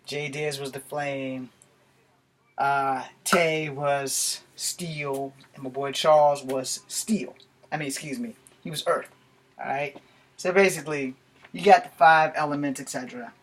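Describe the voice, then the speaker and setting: Speaking a little slowly with fairly even intonation, this forties-aged American man has a slightly high voice. He's a YouTube vlogger rambling casually to camera in a small bedroom, recorded by a camera a few feet away with noise and clicks.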